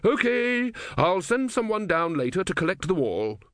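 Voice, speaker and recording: A man doing a dotty old philosopher, high and wavering. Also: moderate pace, smooth, dry recording, studio quality. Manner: vague, excitable, high and wavering. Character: dotty absent-minded old male philosopher.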